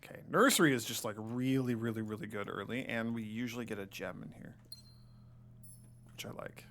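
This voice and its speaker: There's slight background noise as a man with a lowish, fairly bright voice talks briskly through a home let's play. Congested and sniffling, he offers casual commentary, thinking out loud and reading the game's text indoors.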